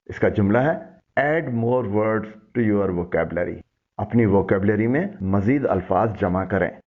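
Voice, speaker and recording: A man teaching a scripted vocabulary lesson, spelling out each word letter by letter in a deliberate way. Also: lowish voice, highs cut off. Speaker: language teacher.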